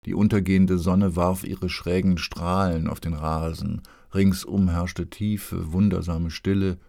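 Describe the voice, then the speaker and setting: Deep gravelly male audiobook narrator. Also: level tone, measured pace, dark tone.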